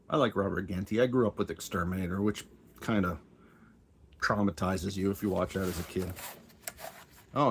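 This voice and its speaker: Low-voiced man musing over his tapes. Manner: muttering, musing aloud with many asides. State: talking around a cough drop. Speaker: collector showing his tapes. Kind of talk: casual offhand commentary. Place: room at home with a fan running. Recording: faint fan noise behind.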